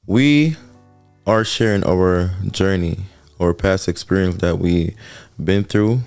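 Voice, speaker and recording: A Jamaican man with a Jamaican accent co-hosts a casual couple's podcast, reflecting earnestly on relationships and repeating himself for emphasis. His voice sits low and a little mellow, moving slowly, with a clean tone, no room sound, and soft music in the background.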